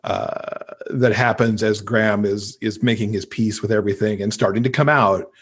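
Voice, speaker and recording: A man from the United States appears as a podcast guest, telling stories in a casual, enthusiastic, conversational way. His husky voice is on the low side, with a steady tone and normal speed.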